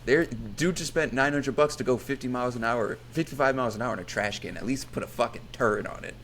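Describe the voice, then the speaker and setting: An American man co-hosting a podcast, chatting casually with a profane, joking, loud manner. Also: mid-range voice, fast, slight background noise. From United States. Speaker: podcast co-host. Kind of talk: casual chat.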